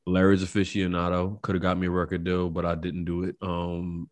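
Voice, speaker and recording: An American man co-hosting a podcast, talking in a loose, slangy, animated way. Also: sits low, a little fast. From United States. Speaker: podcast co-host. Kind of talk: casual chat.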